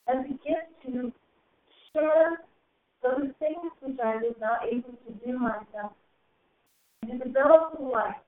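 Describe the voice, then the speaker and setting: A woman with a slightly high voice delivers a channeled spiritual message at a very slow, solemn pace, drawing out her phrases and letting them swell. She is heard through a tinny, narrow phone line. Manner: slow, solemn, drawn-out phrasing with soaring rises. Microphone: phone call.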